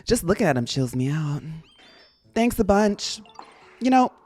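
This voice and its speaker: A streamer voicing a chill, buddy-like game creature with a secret soft spot, reading dialogue aloud. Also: mid-range voice, very animated, a little slow, no room sound, faint music behind, voice pushed up. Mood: friendly, chill. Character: chill, tough-talking game creature who secretly loves flowers.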